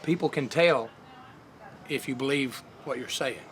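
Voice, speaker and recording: A man who works as a Lincoln presenter, talking in a folksy, plainspoken way with halting pauses. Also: mid-range voice, a little hiss or hum. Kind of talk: documentary interview.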